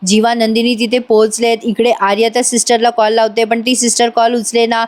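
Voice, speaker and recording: A woman's voice: a little high, level tone, a little fast, darkish tone. A woman narrating a voice-over recap of a TV serial episode, chatty and exclamatory, talking directly to her viewers. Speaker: TV serial reviewer.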